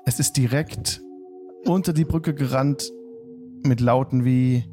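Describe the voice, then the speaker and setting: Running a tabletop game stream as game master, a man narrates the recap like a storyteller, deliberately drawing out his phrases. His voice is mid-pitched, mellow and fairly even in intonation, with soft music playing in the background.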